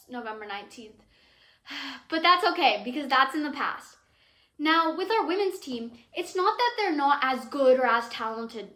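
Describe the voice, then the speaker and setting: A teenage girl talks through a cricket tournament in a chatty, excitable vlog, with lots of fillers. Her voice sits high. It rings in an echoey room. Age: teens. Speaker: vlogger. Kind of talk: casual cricket commentary vlog.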